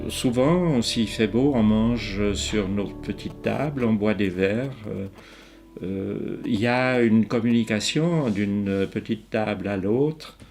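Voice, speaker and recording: Raised in Ticino, Switzerland, with Ticinese dialect as his first language, a painter in his eighties reflects on his life in an interview. He speaks French slowly and haltingly in a fairly low, slightly mellow voice, often pausing and repeating words.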